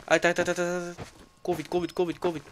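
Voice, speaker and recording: A man's voice: high-pitched, monotone, rapid-fire. Subdued man reading a ghost story.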